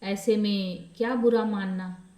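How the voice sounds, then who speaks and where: A woman voicing an older mother-in-law who speaks gently and stresses each word, in a storybook reading. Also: mid-range voice, steady tone, slow, roomy sound, lightly acted. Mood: wistful.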